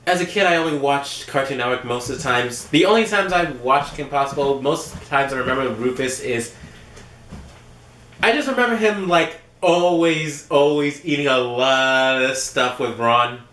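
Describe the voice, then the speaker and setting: A man's voice: on the high side, normal speed, fairly bright tone, reverberant, a little hiss or hum. A man chatting casually as a panelist, explaining his picks in rambling, restarting sentences. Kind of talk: casual chat.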